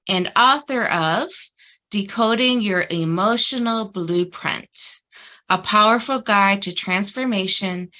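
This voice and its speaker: A woman's voice: medium pitch, bright, forceful tone. A woman hosting a podcast interview, friendly and encouraging as she introduces and questions her guest. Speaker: podcast host.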